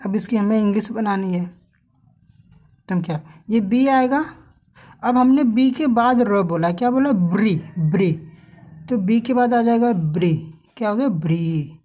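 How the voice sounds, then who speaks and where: Slow, mellow woman teaching spelling. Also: medium pitch. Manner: slow, drawn-out spelling with quiz questions to the viewer. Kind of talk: spelling lesson for learners.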